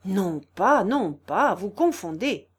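A woman's voice: medium pitch, very animated, slow, husky, exaggerated voice. A woman voicing a simple, naive male carpenter who speaks up with wonder in a storybook reading. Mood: insistent.

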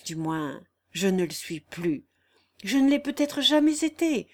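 A woman's voice: mid-range voice, sing-song, a little slow. Fevered young guy, all worked up and anguished, read by a woman. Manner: feverish, intense. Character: agitated young man, passionate and tormented.

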